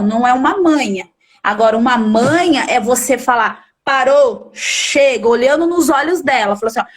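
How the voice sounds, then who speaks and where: High-voiced emphatic woman teacher. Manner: emphatic, acts out firm commands. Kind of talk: explaining in an interview.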